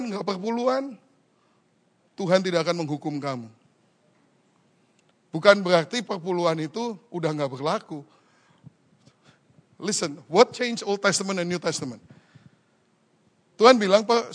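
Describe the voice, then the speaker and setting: High-voiced preacher, teasing and humorous. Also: male voice. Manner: mixes English phrases into Indonesian speech; humorous, teasing, with rhetorical questions. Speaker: pastor. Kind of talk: sermon.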